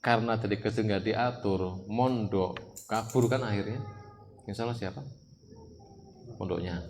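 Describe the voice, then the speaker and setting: Lively low-voiced man preaching. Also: a little slow, a little hiss or hum. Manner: lively, direct, often asks the audience questions. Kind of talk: parenting talk to a congregation.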